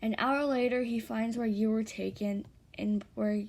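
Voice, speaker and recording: Brief: tired young woman narrator, slow pace, some vocal fry. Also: fairly high pitch, fairly even intonation, darkish tone. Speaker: fan fiction narrator. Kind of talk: reading a self-written fan story.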